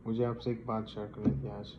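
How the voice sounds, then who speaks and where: A man's voice: on the low side, flat delivery, brisk. A man in his thirties from India, telling a personal story in a casual vlog, chatty and dropping English words into his talk. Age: 30s. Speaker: vlogger. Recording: slightly dull sound with faint background noise.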